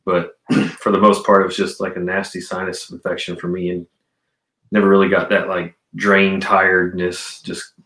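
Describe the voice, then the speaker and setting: A man's voice: low voice, monotone, moderate pace, bright, forceful tone. A man chatting casually as a podcast guest, with laid-back, slangy phrasing, recorded in an echoey room. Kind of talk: casual chat.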